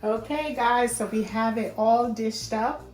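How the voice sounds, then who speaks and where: A woman's voice: on the high side, unhurried, a little mellow, echoey room, faint music behind. Chatty woman hosting a cooking vlog. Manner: chatty, explains each step to viewers. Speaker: cooking channel host.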